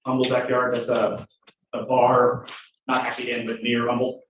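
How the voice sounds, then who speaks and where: A man's voice: medium pitch, monotone, normal speed, fairly bright tone, a little hiss or hum. A man cross-examining a witness as defense attorney on a courtroom recording, with a folksy, conversational manner. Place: large courtroom, indoors. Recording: echoey courtroom, far from mic.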